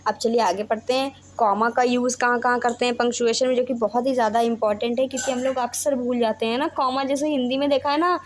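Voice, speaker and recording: A woman's voice: a little high, steady tone, quick pace, few pauses, a little hiss or hum. A young Indian woman teaching a grammar lesson, explaining step by step and often checking in with her students. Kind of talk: Hindi-English grammar lesson.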